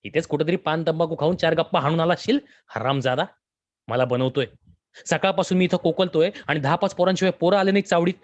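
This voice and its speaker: A man voicing an arrogant male official who shouts abuse and contempt. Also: high-pitched, sing-song, fast, hardly any pauses, breathy edge, lo-fi sound, pitched above the performer's own voice, full character voice. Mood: furious, contemptuous. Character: arrogant angry male village official, abusive.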